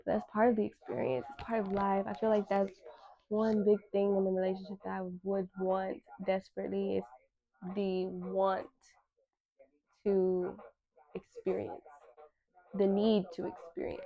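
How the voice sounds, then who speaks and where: Twenty-something woman just talking, candid n slangy, kinda raspy, dull recording. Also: medium pitch, completely flat delivery, measured pace, no room sound. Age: 20s. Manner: candid, slangy, emphatic repetition. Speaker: podcast host. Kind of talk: casual solo talk.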